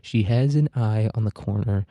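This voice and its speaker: A man's voice: fairly low pitch, normal speed, dark tone, no room sound. A man hosting a podcast, reading a story aloud and breaking off for irreverent, swearing commentary. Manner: irreverent, swearing, laughing asides. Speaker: podcast host.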